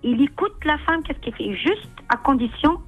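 A woman's voice: high voice, big pitch swings, moderate pace. A woman caller with an Algerian Arabic accent, speaking broken French and often switching into dialectal Arabic on a radio phone-in. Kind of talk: casual talk on a call-in show. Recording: narrow tinny phone line, music behind.

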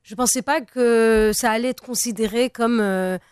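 A young woman from Tunisia, a native Arabic speaker, talks through an interview as a singer, pausing often and restarting her sentences. Her voice is smooth and resonant, recorded close and dry. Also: fairly high pitch, darkish tone, no room sound. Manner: hesitant, many fillers and restarts. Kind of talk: interview conversation.

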